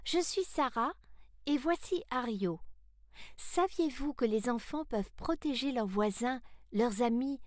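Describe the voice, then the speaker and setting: A woman voicing a young girl in a storybook reading, with a high, excited child voice. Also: measured pace, no room sound, clean studio sound. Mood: eager. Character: young girl, eager and earnest.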